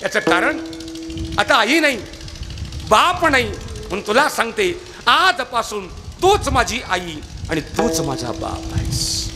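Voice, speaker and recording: A man's voice: sits high, heavily acted. A man voicing a grieving orphaned young girl who cries out and pleads with God, during a devotional kirtan. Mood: pleading. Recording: noisy live event recording.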